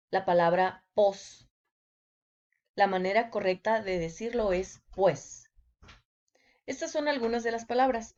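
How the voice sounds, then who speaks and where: Slow, careful woman teaching a language lesson. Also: mid-range voice, darkish tone, dull audio. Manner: slow, deliberate delivery with example sentences. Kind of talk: scripted explanatory lesson.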